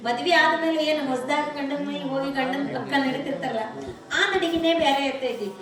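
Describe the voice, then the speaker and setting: A woman playing a sharp-tongued young village bride, firing back quick scolding retorts in a North Karnataka Kannada accent. Her voice is very high. It echoes around a stage, caught from a distance with music behind. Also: lightly acted. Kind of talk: live village stage play. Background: instrumental music.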